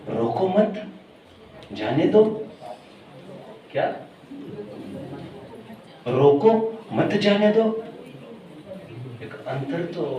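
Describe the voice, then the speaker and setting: A man giving a scripture discourse to an audience, explaining slowly, asking for doubts and mixing in English words. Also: on the high side, a little hiss or hum. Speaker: preacher. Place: large hall at a pilgrimage site. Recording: echoey hall, voice from far off.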